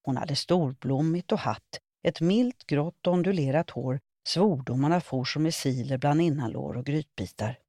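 A woman reading her own humorous column aloud with wry, expressive storytelling. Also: sits low, few pauses, no echo, studio quality. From Sweden.

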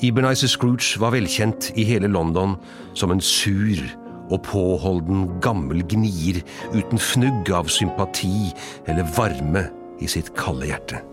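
A man reading a classic story aloud as narrator, telling it in an expressive storybook way. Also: low voice, over music.

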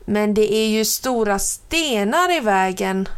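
A woman reading a storybook aloud, voicing a gentle, cautious mother who asks doubtful questions. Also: mid-range voice, expressive, smooth, natural voice.

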